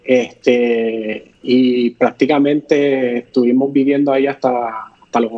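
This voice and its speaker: A man speaking slowly in a steady, medium-pitched voice chats as a guest in a casual live interview, rambling with many fillers and restarts and laughing often. He grew up speaking English, born in Chicago and raised partly in Puerto Rico, and the highs are cut off in the audio.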